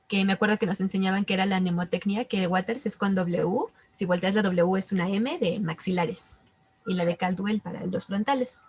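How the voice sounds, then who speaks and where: A woman's voice: medium pitch, moderate pace, breathy edge. A woman in a medical class explaining a point and searching for her words as she goes. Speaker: medical student. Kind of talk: class answer.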